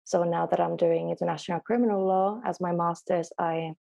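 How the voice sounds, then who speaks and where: Answering as a guest on a remote call, a young Finnish woman who natively speaks Finnish and studies law keeps pausing with ums during a casual interview. Her voice is on the low side, gravelly and warm, steady in tone and fairly quick.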